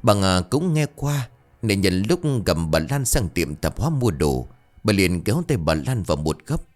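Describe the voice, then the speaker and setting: A man narrates a ghost story with dramatic expression. His voice is low but moves widely in pitch. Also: very animated, normal speed, a little mellow.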